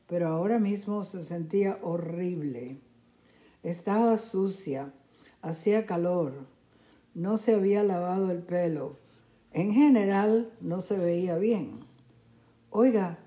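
A woman narrating a story slowly in a measured, clear reading. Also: fairly low pitch, dark tone. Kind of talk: slow storybook narration for learners.

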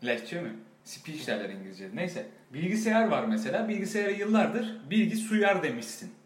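Teasing lively man in an echoey room. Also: on the high side, brisk. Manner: dry teasing, likes to correct and lecture. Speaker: podcast co-host. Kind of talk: casual comedic chat. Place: cramped, stuffy small room. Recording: echoey room with faint background hiss.

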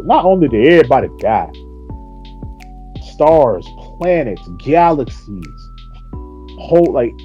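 A man hosting a podcast, casually retelling an episode with lively slang and swearing. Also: mid-range voice. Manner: animated storytelling with slang and swearing. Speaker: podcast host. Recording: dull lo-fi podcast audio.

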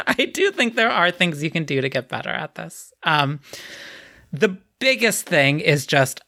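A man co-hosting a podcast in loose, casual chat. He rambles and fills his sentences with fillers, laughing often. His voice is fairly high, with a bright, forceful edge. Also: very animated, unhurried, vocal fry. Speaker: podcast co-host.

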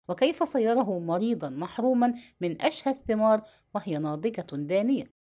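A woman narrating a historical novel as an audiobook. Her reading is expressive, with pitch that moves in a lively, animated way through each sentence.

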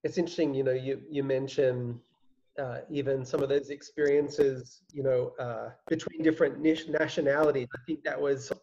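A man's voice: medium pitch, fairly even intonation, moderate pace, darkish tone. A man interviewing his guests, musing aloud in a hesitant way with many fillers. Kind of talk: conversational interview. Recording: dull lo-fi recording.

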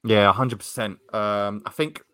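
A man's voice: fairly low pitch, steady tone, normal speed, sharp tone, no echo, clean studio sound. A man hosting a casual sports chat in a rambling, hesitant way, often repeating himself. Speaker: podcast host.

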